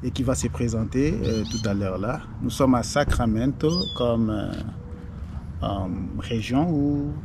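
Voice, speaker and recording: A man's voice: medium pitch, measured pace, background noise. A man interviewing a guest, speaking with frequent hesitations and fillers. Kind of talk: casual interview.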